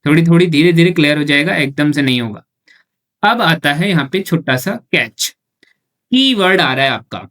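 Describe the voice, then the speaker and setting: A man's voice: on the high side, animated, normal speed, a bit bright. Male tutor, repetitive and patient, classroom explainer who answers his own questions. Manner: asks rhetorical questions and answers them himself; repeats each point patiently, often checking with "okay". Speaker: shorthand teacher.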